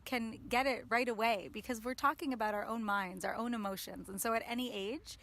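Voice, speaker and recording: A woman who teaches mindfulness answers interview questions in a calm, explanatory way, often starting with "um" or "so". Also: on the high side, brisk.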